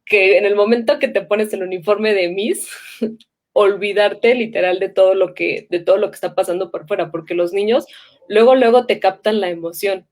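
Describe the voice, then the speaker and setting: A woman teacher in a casual conversation, animated and quick to laugh, speaking. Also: mid-range voice. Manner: animated, laughs often, quotes people.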